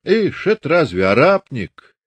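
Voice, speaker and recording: A man's voice: on the high side, big pitch swings, unhurried, husky, voice pushed up, exaggerated voice. Man doing a teasing young Cossack. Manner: wry, teasing.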